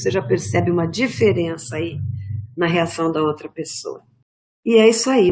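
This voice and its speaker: Low-voiced woman giving relationship advice. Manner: warm, coaching, acts out example phrases. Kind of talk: direct-to-camera advice talk.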